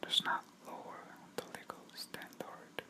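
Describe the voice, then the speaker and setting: A person reading a news article aloud entirely in a breathy, unvoiced whisper, in an ASMR style. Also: measured pace. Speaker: reader.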